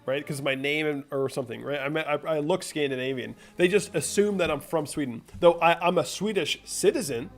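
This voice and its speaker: A young American man hosts a casual crypto livestream, going over charts and responding to viewers' chat messages. His voice is on the high side, and he talks briskly with few pauses. Faint music plays in the background.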